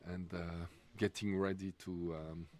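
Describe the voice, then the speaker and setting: A middle-aged Swiss man with a French accent giving live commentary on a race, halting and full of fillers. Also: deep voice, flat delivery, a little mellow. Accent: French-speaking Swiss. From Switzerland. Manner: halting, many fillers and restarts.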